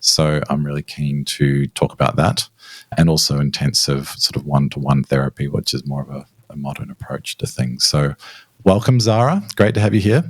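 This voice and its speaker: Very deep gravelly male podcast host. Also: normal speed, dry recording, studio quality. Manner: friendly, reacts with short interjections. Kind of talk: casual interview chat.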